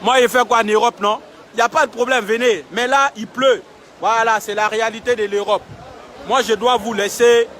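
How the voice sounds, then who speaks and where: Filming on the phone in his hand at an outdoor city street camp, a young man streams live, pressing viewers with emphatic, repetitive appeals. He speaks at normal speed in a steady tone, his voice very high and a bit bright.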